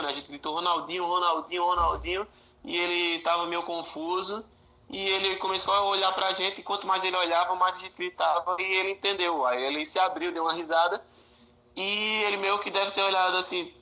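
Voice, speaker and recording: On a roughly recorded podcast, a Brazilian guest with a Brazilian Portuguese accent swaps stories with friends, joking, using slang, and performing the dialogue with animation. He speaks briskly in a high-sitting voice whose tone stays steady and sharp.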